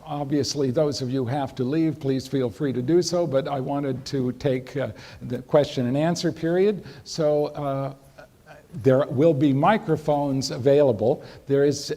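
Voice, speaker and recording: Speaking at normal speed in a dark, mid-range voice, an older man lectures in a hall, telling a long anecdote. He rambles, keeps restarting, and delivers dry humor to the audience.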